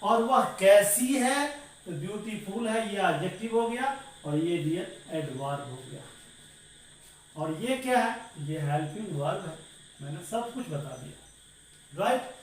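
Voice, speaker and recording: A male English teacher gives a grammar lesson in a fairly high voice. He keeps asking the class questions and answering them himself, and he calls his students "dear". He sounds far from the mic in a very echoey room with a faint hiss. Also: lively intonation, unhurried.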